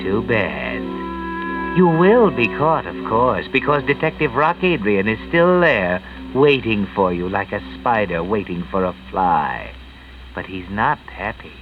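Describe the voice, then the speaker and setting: A man's voice: fairly low pitch, big pitch swings, unhurried. An actor playing a mocking, all-knowing narrator of a 1940s radio mystery, taunting and ironic as he addresses the culprit directly. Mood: sly, taunting. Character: mocking, omniscient, sinister narrator called the Whistler. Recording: distant, muffled vintage radio, music behind.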